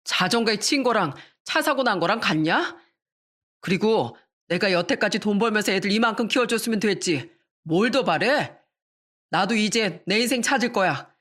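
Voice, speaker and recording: A woman's voice: mid-range voice, expressive, normal speed, fairly bright tone. A woman voicing a defiant cheating husband. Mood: defensive. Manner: stammering, sulky and defiant. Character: cheating middle-aged husband, defensive and selfish.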